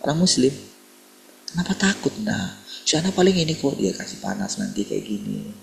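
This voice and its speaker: A man voicing a calm, reassuring older woman in a raised pitch during a sermon story. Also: moderate pace, vocal fry, a little hiss or hum, full character voice, low-quality recording.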